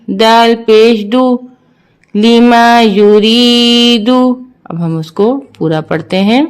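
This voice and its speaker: A woman teaching Quran reading, slowly spelling out Arabic syllables and then quickly explaining the rules. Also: mid-range voice. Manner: slow deliberate recitation alternating with quick, quieter explanations.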